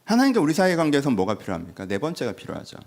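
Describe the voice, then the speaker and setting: Animated, lively-voiced male pastor. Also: a little high, rapid-fire. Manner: animated, conversational, acts out quoted dialogue. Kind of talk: Sunday sermon.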